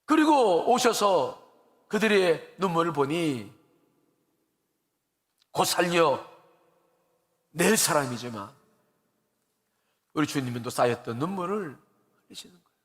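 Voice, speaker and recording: A man's voice: on the high side, big pitch swings, measured pace, pauses often. A man, a pastor, preaching an earnest, conversational sermon, laughing at himself now and then as he tells stories. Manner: earnest and conversational, with rising emotional emphasis. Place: church sanctuary. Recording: long church reverb.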